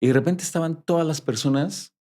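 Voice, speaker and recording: Brisk, with a voice on the high side, a male journalist guest in a casual interview relates a story animatedly and performs the dialogue as he quotes it.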